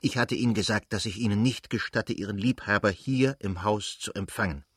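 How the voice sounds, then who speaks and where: A man reading an audiobook and voicing a cold, furious middle-aged husband with a squeaky voice who talks in a stern, contemptuous way. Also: a little fast, slightly rough, no room sound, studio quality.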